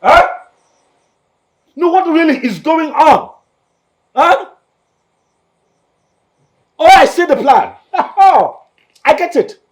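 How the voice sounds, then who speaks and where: A man's voice: very high voice, expressive, slow pace, long pauses, full character voice. An actor with a Nigerian accent playing a defiant young man who rejects a royal claim, agitated and repeating himself. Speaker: young man told he is a king's heir.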